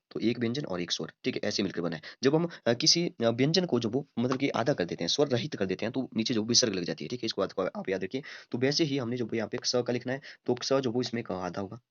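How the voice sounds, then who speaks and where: A man teaching grammar at a board, talking slowly with many fillers and frequent checks with his students. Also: mid-range voice, no room sound. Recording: dull lo-fi dry sound.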